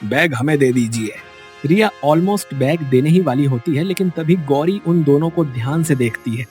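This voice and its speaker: A warm, slightly high male voice narrates a scripted bedtime story, dramatic in its storytelling. He keeps a normal speed, and background music runs behind him as a music bed.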